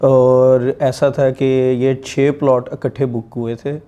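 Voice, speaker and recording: A man recounts his grievance in careful detail during an interview. His voice is warm and relaxed, at a middling pitch for a man. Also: slow. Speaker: interviewee, affected plot buyer. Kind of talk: interview testimony.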